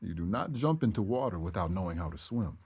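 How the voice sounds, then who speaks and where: A man playing an earnest, calm healer in a stagey period drama, speaking in measured, formal phrases. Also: low voice, background noise. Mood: earnest, persuasive. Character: earnest young male healer, calm and devout believer in elders.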